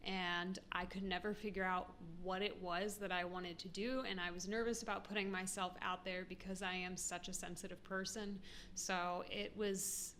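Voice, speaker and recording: A woman's voice: fairly low pitch, little pitch movement, moderate pace, fairly bright tone, a little hiss or hum. Giggly American woman vlogging. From United States. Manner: chatty, giggly, self-deprecating. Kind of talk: casual talk to camera.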